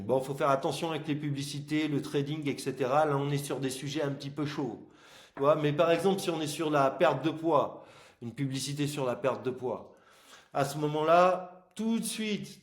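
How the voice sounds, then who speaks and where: A man hosting a casual explanatory marketing video, speaking informally and emphatically to the viewer, with articulation slightly impeded by plastic dental aligners. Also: medium pitch. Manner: informal, emphatic, addresses the viewer directly with examples. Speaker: host of an online marketing channel. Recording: echoey room.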